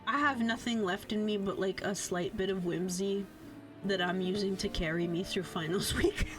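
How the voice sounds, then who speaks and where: A woman livestreamer with a medium-pitched voice and fairly even intonation talks at a moderate pace over background music. She chats casually and reads out chat, playful, theatrical and sweary, with plenty of slang.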